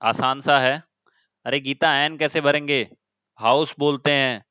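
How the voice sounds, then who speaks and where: A man's voice: medium pitch, steady tone, measured pace, bright, forceful tone, smooth, no room sound, highs cut off. A man teaching an online class, explaining step by step and often putting questions to his students.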